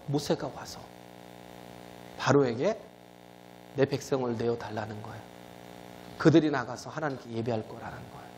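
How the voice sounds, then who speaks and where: A man preaches in a high, lively voice that leaps up for emphasis and then sinks to a quiet low. He keeps throwing rhetorical questions at his congregation and prompts them for replies. A faint hum sits under the recording. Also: rough recording. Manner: swings between emphatic high lines and low, quiet drops. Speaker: pastor. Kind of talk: sermon.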